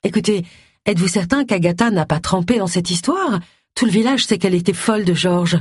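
A woman voicing a glamorous, flirty soap actress with a husky, bright, teasing voice. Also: mid-range voice, brisk, dry recording, studio quality, lightly acted. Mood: brisk. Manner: bright, playful and mocking.

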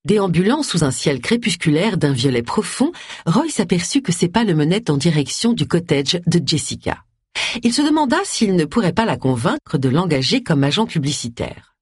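A woman narrating an audiobook with expressive storytelling. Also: on the low side, moderate pace, husky, no echo, clean studio sound.

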